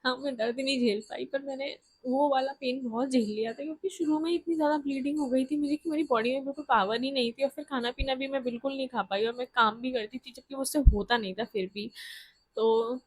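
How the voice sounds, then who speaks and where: High-voiced young woman telling her story. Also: steady tone, fast, no room sound. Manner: candid, laughs often. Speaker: vlogger. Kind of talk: personal storytelling.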